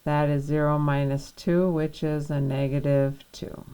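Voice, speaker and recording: A woman's voice: deep voice, little pitch movement, unhurried, mellow, clean tone, low-quality recording. A woman teaching a math lesson, patiently walking through each step and checking in with the class.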